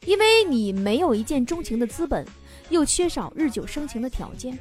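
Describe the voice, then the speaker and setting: A woman's voice: high-pitched, big pitch swings, moderate pace, husky. A young woman with a Northeastern Chinese accent hosting a comedic radio show, reading listener messages and teasing them playfully. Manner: playful, teasing, laughs at own jokes. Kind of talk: casual comedic radio chat. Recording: music bed behind voice.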